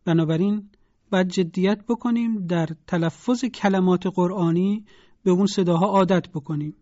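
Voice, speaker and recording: A Quran pronunciation teacher giving a broadcast lesson, spelling out sounds slowly and deliberately for listeners to repeat. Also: medium pitch, mellow, no room sound, highs cut off.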